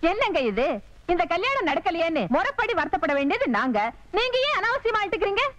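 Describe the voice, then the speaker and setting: A woman's voice: big pitch swings, fast, a bit bright, full character voice. An actress playing a harsh stepmother in a film. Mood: indignant. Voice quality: shrill, scolding. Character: harsh bullying village stepmother, woman. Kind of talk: 1990s film dialogue. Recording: noisy old film soundtrack.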